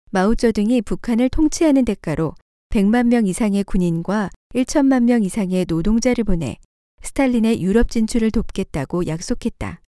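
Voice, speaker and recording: Woman with a mellow, dry voice narrating. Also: medium pitch, dry recording. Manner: measured, steady reading. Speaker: audiobook narrator. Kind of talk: scripted narration of a nonfiction book.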